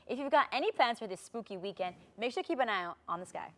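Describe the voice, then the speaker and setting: A teenage girl co-anchoring a school news show, reading in a bright, playful way. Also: fairly high pitch, big pitch swings, fast.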